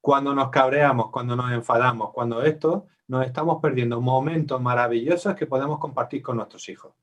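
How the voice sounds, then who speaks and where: This Spanish psychologist runs a live parenting workshop, talking briskly in a medium-pitched voice with fairly even intonation. He keeps it conversational, quizzing the parents and acting out quotes, and the mic is far away.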